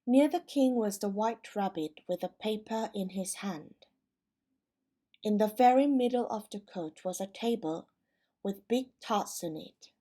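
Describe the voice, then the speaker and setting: A woman narrating a storybook for language learners with clear, careful reading. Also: medium pitch, lively intonation, measured pace, dark tone.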